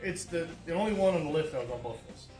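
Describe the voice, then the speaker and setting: A man's voice: fairly high pitch, lively intonation, fast talker, darkish tone, echoey room, distant mic, faint music behind, low-quality recording. A man with a dry, wisecracking manner chatting in a garage. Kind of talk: casual shop banter.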